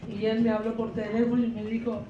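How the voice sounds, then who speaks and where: A middle-aged woman with an Argentine accent giving a personal religious testimony, halting and repeating herself as she retells events. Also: a little high, flat delivery, slight background noise. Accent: Argentine Spanish. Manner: halting, repetitive retelling with restarts. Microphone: far from the microphone. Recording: dull, distant, very echoey hall.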